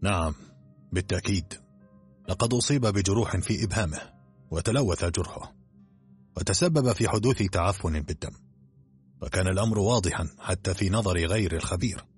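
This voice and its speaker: A man's voice: deep voice, a little fast, long pauses, husky, faint music behind. A man voicing a curt, rational expedition doctor who trusts only science. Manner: curt, matter-of-fact.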